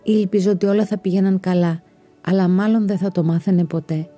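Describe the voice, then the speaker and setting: Female storyteller for scripted narration, dark mellow tone, steady delivery. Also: fairly low pitch. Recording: narration over soft background music.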